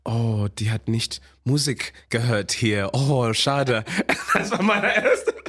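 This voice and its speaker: Laughing a lot and clearly animated, a male musician from Zimbabwe talks in broken German peppered with English during an informal radio chat. He has an English accent and a medium-pitched voice.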